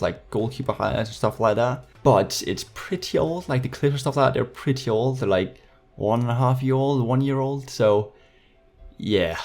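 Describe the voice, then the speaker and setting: He's an eighteen-year-old Dane with a Danish accent and a mid-range, somewhat mellow voice. As a YouTuber running a Q&A, he chats casually with viewers, joking around, using slang, and being playfully sarcastic.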